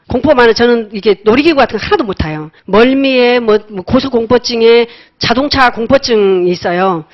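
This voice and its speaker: Middle-aged woman, quick animated storyteller, dull lo-fi recording. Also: a little high. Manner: lively storyteller, acts out dialogue, laughs often. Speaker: speaker at a sales meeting. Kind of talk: personal success story talk. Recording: dull lo-fi audio.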